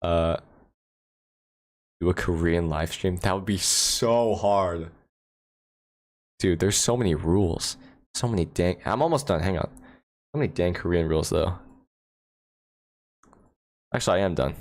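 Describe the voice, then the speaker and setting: Casting: low-voiced American man, loose livestream chatter, laughs a lot, phone mic at home. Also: unhurried, long pauses. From United States. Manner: rambling, laughs often, answers chat questions. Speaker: livestream host. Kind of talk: casual livestream chat.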